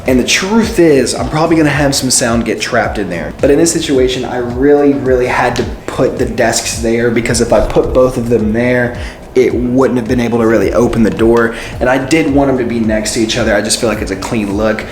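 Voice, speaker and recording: A man's voice: medium pitch, fairly quick, a little hiss or hum. Male vlog host, casual explainer, mid-range voice, strong hallway echo in an empty room. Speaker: host, musician and YouTuber. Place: indoors, bare untreated room being made a studio.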